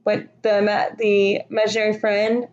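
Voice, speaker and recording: A woman's voice: medium pitch, completely flat delivery, moderate pace, darkish tone, muffled recording. A woman co-hosting a casual podcast chat, playful and chatty. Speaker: podcast co-host.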